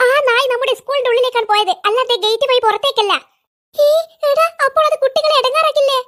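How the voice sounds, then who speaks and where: A voice actor playing excitable young schoolboys who bicker back and forth in a cartoon. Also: very high-pitched, fast. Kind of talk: cartoon voice acting. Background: faint background music.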